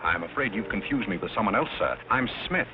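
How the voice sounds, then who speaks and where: An actor playing an unflappable, courteous butler in 1930s film screwball comedy banter, deadpan and formally polite. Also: male voice, fairly low pitch, fairly quick, close to an everyday voice. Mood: guarded, discreet. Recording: tinny narrow 1930s film soundtrack.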